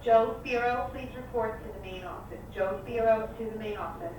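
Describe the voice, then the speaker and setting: A woman's voice: on the high side, moderate pace, music in the background. Woman paging over a school intercom. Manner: brief, flat paging announcements. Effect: school intercom announcement over a loudspeaker. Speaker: school office announcer. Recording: echoey loudspeaker heard from far off.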